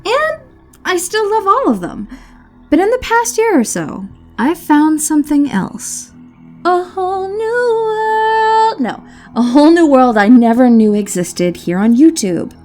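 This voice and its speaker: Over background music, a woman hosts a YouTube channel and narrates a story in a scripted, theatrical, whimsical style. Her voice sits high and sounds warm, very animated yet measured in pace, with a playful delivery.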